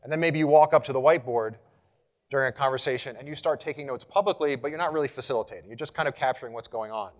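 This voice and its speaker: A man gives a live conference talk in a middle-pitched voice. He is energetic and engaging, and he gets loud and animated as he leads the audience through exercises. He speaks as a presenter working a room. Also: racing. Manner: animated, gets louder when rallying the room.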